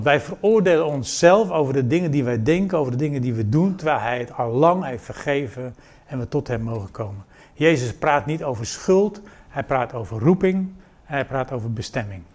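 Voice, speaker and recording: A man preaching a sermon, retelling a scripture story and acting out the dialogue with lively emphasis. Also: medium pitch.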